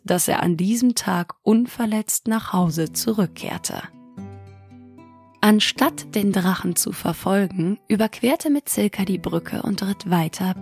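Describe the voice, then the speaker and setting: A woman with a medium-pitched, gravelly voice reads a fairy tale aloud in calm, measured storybook style. She takes her time, and faint music plays underneath.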